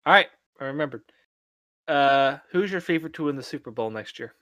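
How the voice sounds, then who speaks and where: A man's voice: fairly high pitch, expressive, a little fast, pushed and bright, no echo. A man co-hosting a podcast, talking in an easygoing way with dry jokes. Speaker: podcast co-host. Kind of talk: casual chat.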